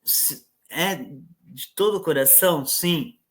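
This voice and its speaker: A man preaching an informal sermon as a pastor, repeating phrases, clearing his throat and often tagging questions. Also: fairly high pitch, slow pace, a bit bright. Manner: repetitive, conversational, frequent tag questions.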